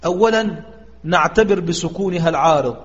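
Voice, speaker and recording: A man with an Egyptian accent teaching a recitation lesson, quizzing his students and drawing out example words slowly. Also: a little high. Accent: Egyptian Arabic. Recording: echoey, dull lo-fi audio.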